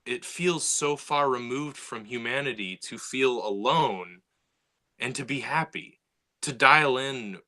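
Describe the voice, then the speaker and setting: This mid-range male voice, bright and forward, belongs to a podcast co-host talking casually and slowly. He's full of animated energy, stumbling through restarts and repetitions as he races ahead of himself.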